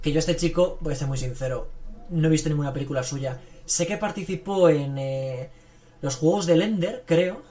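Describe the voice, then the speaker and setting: Warm in tone and fairly high in pitch, a podcast host speaks at normal speed while chatting casually about films. He's enthusiastic and rambling, with frequent fillers.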